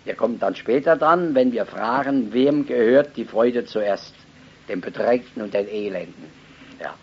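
A man preaching a sermon and reading from the Bible, swinging between loud stresses and soft asides. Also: mid-range voice, unhurried, slightly rough. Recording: dull lo-fi recording.

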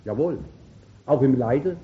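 A man preaching a sermon emphatically, swinging between loud calls and quiet asides. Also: mid-range voice, expressive, slow pace, phone-quality sound, slight background noise.

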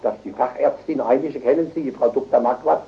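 An older man preaching a fervent revival sermon, emotional and surging to loud, high exclamations, on a dull old tape recording. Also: a little fast.

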